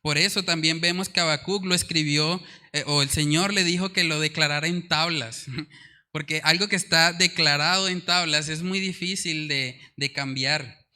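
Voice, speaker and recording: A man's voice: fairly high pitch, fairly even intonation, normal speed, bright, forceful tone. A male pastor preaching a sermon, reading scripture aloud in an earnest, emphatic way and repeating key words. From Colombia.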